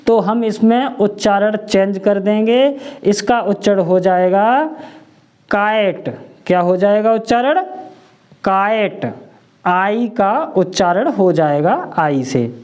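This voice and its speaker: A woman's voice: mid-range voice, mellow. A woman teacher giving a pronunciation lesson, spelling words letter by letter and asking and answering her own questions.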